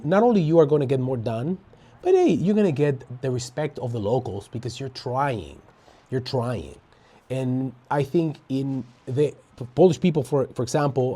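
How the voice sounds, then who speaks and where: A man's voice: medium pitch, warm tone. A man, chatting casually as a guest, emphatic and often repeating himself. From Latin America, Dominican Republic. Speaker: interview guest. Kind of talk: casual chat.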